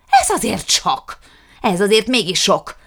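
A woman's voice: medium pitch, huge pitch swings, background noise, pitched above the performer's own voice. A woman reading an audiobook, voicing an indignant, blustering middle-aged man who rants theatrically. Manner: loud, theatrical ranting.

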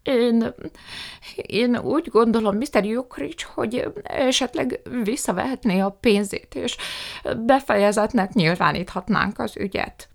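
A flustered middle-aged man pleads meekly, slow and hesitant, in a slightly raised voice, as a woman reading the story plays him. A gravelly texture runs under the soft apology. It comes across as a character in a read-aloud story. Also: on the high side, pitched above the performer's own voice. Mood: apologetic.

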